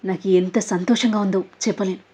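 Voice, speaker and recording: A woman's voice: mid-range voice, fairly even intonation, fairly quick, dark tone, slightly rough, lightly acted. Woman voicing an obsessive possessive young man. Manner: intense, demanding. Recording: dull lo-fi audio.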